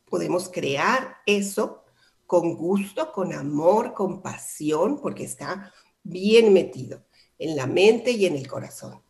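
A woman's voice: lowish voice, vocal fry. A middle-aged woman hosts a motivational radio talk, telling stories and speaking straight to her listeners. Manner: warm storytelling, addresses listeners directly. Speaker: host, life coach.

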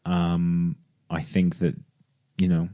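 A man with a fairly low, mellow voice chats casually about films on a podcast. He talks haltingly, with many fillers and restarts. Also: completely flat delivery. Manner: hesitant, many ums and restarts. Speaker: podcast co-host. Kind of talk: casual chat.

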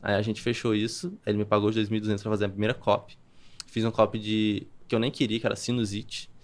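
A young man, telling his story as a podcast guest in a lively, rapid manner and acting out what people said. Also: fairly low pitch. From Campina Grande, Paraíba, Brazil. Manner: rapid, animated storyteller who acts out quoted dialogue.

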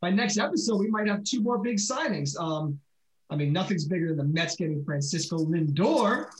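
Teasing sports podcast co-host, echoey room. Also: male voice, sits high. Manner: teasing, quick and animated. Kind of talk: casual sports chat.

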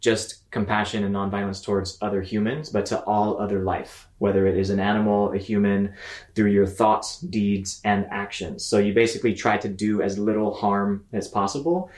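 A man in his thirties from Mississippi, United States tells his story conversationally as an interview guest, reflective and explanatory. His voice is on the low side, steady in tone, a little mellow, and moderately paced. The recording sounds roomy and echoing.

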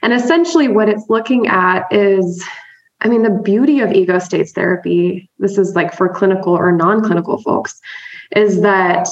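A woman therapist and trainer, appearing as an interview guest, gives an upbeat, casual explanation, laughing often and checking in with "right?". Her mid-range voice moves at a moderate pace, and the remote audio sounds roomy and slightly dull.

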